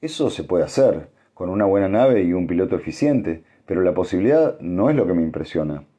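A weary older male scholar from an audiobook, as a man reads him out. He reasons things through in a tired, deep, mellow voice. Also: expressive, a little fast, lo-fi sound.

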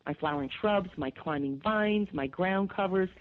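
A woman from upstate New York with a gravelly voice, chatting enthusiastically as a garden expert guest in a radio interview, with lots of fillers. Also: fairly low pitch, normal speed. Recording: tinny phone line.

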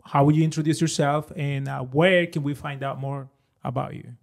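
Podcast host guy, gravelly voice, pretty high, casual chat. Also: fairly even intonation, normal speed. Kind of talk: casual conversation.

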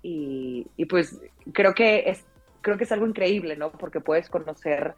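A woman's voice: on the low side, measured pace, breathy edge, faint music behind. A woman with a Mexican accent, a radio announcer, telling a childhood story in a casual interview, peppering her talk with tag questions. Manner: lively anecdotal telling, frequent "o sea" and "¿no?" tags.

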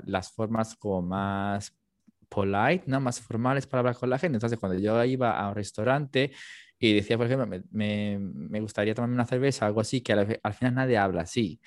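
A man's voice: mid-range voice, darkish tone, dry recording, clean studio sound. A French-speaking man who teaches French, chatting casually in a conversation and thinking aloud with frequent fillers.

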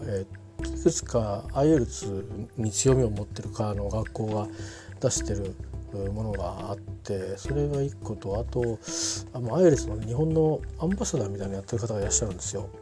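A man talking casually on his own, rambling with many fillers and self-corrections. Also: on the low side. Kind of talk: casual solo talk.

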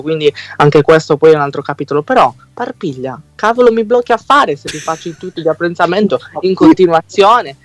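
A man's voice: on the high side, dry recording. A man calling in to a live show as a guest, chatting and venting about his complaints. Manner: chatty, quick to vent and complain. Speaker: caller joining a live web show. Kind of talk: casual chat.

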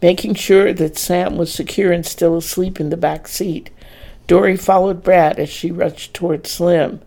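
A man reading a romance story aloud in a measured, plain storytelling manner. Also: sits high, steady tone, gravelly, a little mellow. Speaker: narrator. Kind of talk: scripted narration of a romance story.

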